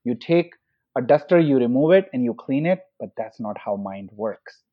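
A man's voice: medium pitch, lively intonation, normal speed. A man speaking as a doctor on a podcast, patiently explaining with everyday examples and questions to his hosts. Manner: patient, example-driven, asks listeners questions. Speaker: doctor and podcast guest expert. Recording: muffled lo-fi recording.

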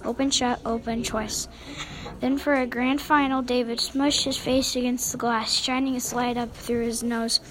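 A woman's voice: a little high, level tone, moderate pace, crowd noise, low-quality recording. Woman reading a children's novel aloud.

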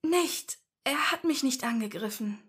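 A woman's voice: sits high, animated, unhurried, a bit bright, breathy edge, voice pushed up, exaggerated voice. A woman voicing a stubborn, wounded young witch who speaks defiantly and a little breathlessly. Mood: urgent. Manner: defiant, pleading, short of breath.

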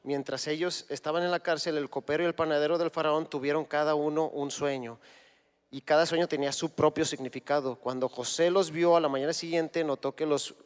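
A man's voice: fairly high pitch, steady tone, brisk, clean tone, long reverb tail. A man giving a conversational sermon, retelling scripture and acting out imagined dialogue. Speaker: guest preacher.

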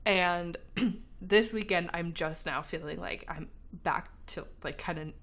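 Her tone is a bit bright and her pitch fairly low as she talks slowly, a female podcast co-host recovering from illness with a slight congestion. She keeps the conversation casual, laughing frequently and leaning on fillers.

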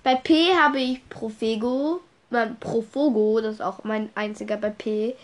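A young woman with a cold hosts her own podcast, chatting casually and rambling through her notes while spelling words out letter by letter. Her voice sits on the high side and moves at a measured pace, with a stuffy, congested nose.

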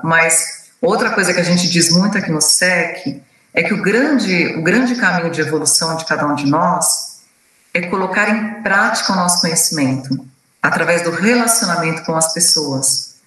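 A woman giving a teaching talk, telling a personal story and acting out quoted dialogue in a lively way. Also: on the low side. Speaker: speaker teaching a course. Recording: very echoey room, distant mic.

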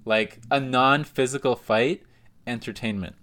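A man co-hosting a casual podcast, speaking at an ordinary middle pitch. He recaps old fights in a laid-back, drawn-out way. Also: fairly bright tone. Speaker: podcast co-host. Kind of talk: casual chat.

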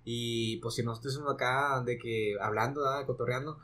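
A young man with a Mexican accent telling an animated, slang-filled story in casual chat. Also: medium pitch, a little fast. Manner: slangy, animated, acts out voices in anecdotes.

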